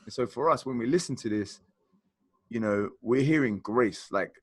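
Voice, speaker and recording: Man, forties, podcast co-host, enthusiastic and rambling, mid-pitched, dry close sound. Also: moderate pace, dry recording. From South Croydon, London, England. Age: 40s. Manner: enthusiastic, rambling, peppered with "you know". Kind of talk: casual chat about music.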